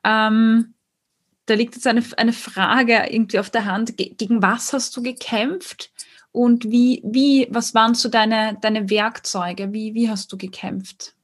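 A woman's voice: fairly high pitch, fairly even intonation, unhurried. A woman hosting an interview podcast, asking questions hesitantly with many fillers and affirming her guest. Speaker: podcast host. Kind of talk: casual interview conversation.

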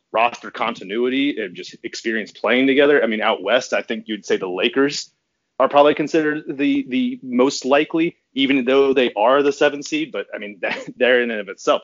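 A man as a guest on a casual sports podcast, talking in an excited, rambling way. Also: mid-range voice. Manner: rambling and giddy, with frequent restarts and laughs. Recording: slightly dull lo-fi audio.

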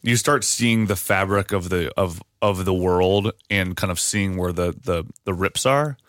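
A man's voice: sits low, measured pace, fairly bright tone, dry recording, clean studio sound. A man hosting a podcast in casual chat, rambling through ideas with restarts and frequent swearing. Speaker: podcast host.

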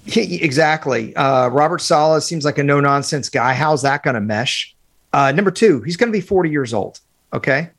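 Male podcast co-host, casual, opinionated, excitable delivery over a remote call. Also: a little high, moderate pace. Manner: animated, opinionated, talks in bursts with fillers. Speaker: podcast co-host, football analyst. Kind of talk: casual sports podcast chat.

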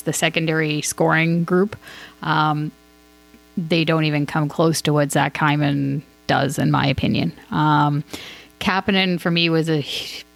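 A woman talking casually as a sports podcast host, rambling and thinking out loud as she gives her opinions. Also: deep voice, vocal fry. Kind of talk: casual hockey commentary.

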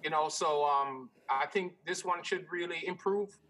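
A man's voice: on the high side, a little slow, rough recording. A man from Jamaica who grew up in New York, talking horse-race picks casually with many hesitations. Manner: relaxed, hesitant with many ums. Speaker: guest handicapper. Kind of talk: casual conversation.

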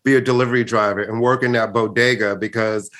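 A man's voice: on the low side, fairly even intonation, quick pace, fairly bright tone. A man, venting casually as a co-host in a blunt, exasperated, sweary way. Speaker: podcast co-host. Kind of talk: casual chat, venting opinions.

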